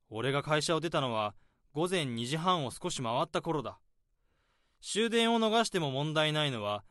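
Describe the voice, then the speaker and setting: In a radio drama, an actor plays a calm, understated, overworked male office worker who also voices his inner monologue. His pitch is fairly high, and the studio-quality recording has no echo.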